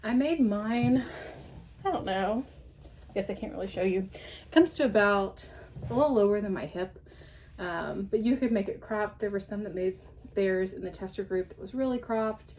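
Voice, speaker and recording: A woman's voice: medium pitch, normal speed, darkish tone, slight background noise. Chatty woman, slightly out of breath. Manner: chatty, rambling, with frequent ums and light laughs. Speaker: podcast host. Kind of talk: casual show-and-tell chat.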